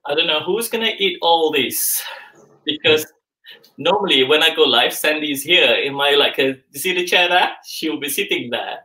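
A slightly high, bright, forceful voice at moderate pace comes through a rough recording. The speaker, a man in his forties, hosts a relaxed live cooking demo at home, chatting and thinking aloud with heaps of fillers while he works. The mic is a video call camera moving around his kitchen.

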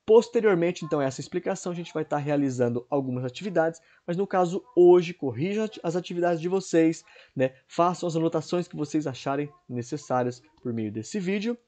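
Man, teacher, online lesson, higher pitch, warm mellow tone, explanatory, frequent "right?" checks. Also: animated, a little fast, hardly any pauses. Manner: explanatory, repeats checks like "certo?" and "né?"; clears throat now and then. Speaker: English teacher.

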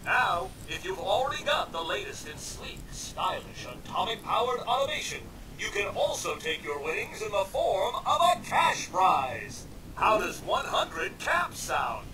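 A booming robot game show host. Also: male voice, big pitch swings, unhurried, recorded from a distance, background noise, full character voice. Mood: showman hype. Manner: booming showman patter. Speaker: game character.

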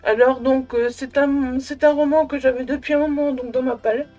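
A young woman giving a casual, effusive book review to camera at home, in a halting way that often repeats words. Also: sits high, fairly even intonation, mellow, dull audio, faint music behind. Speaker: book vlogger. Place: small room at home with bookshelves.

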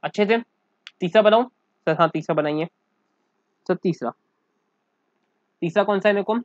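High pitched guy teaching cost accounts, keeps asking "got it?", dull dry recording. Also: normal speed, dry recording. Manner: keeps calling the listener sir and asking check questions; works sums aloud in mixed Hindi and English. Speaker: commerce teacher. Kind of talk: casual classroom lecture.

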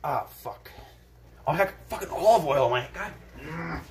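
A man's voice: fairly high pitch, expressive, unhurried, a little hiss or hum. A young man rambling crudely in a casual home vlog while he cooks in his kitchen, swearing often and mumbling offhand. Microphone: phone camera held and moved around.

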